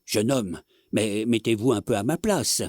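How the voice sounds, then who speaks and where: A man voicing a flustered, timid gentleman who pleads in a panic. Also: fairly low pitch, a little slow, dry recording, clean studio sound, lightly acted. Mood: pleading.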